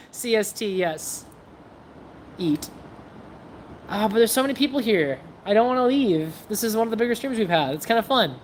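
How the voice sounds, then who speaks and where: A woman in a middle pitch chats loosely with her livestream viewers, often breaking off mid-thought. A faint noise sits under her voice. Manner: chatty, scattered, self-interrupting. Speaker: livestream host and sword practitioner. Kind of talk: casual livestream chat with viewers.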